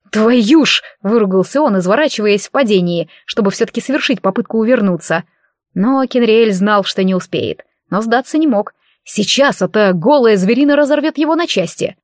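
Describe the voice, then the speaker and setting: A woman narrating a fantasy audiobook with lively, expressive storytelling. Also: on the high side, no echo, clean studio sound.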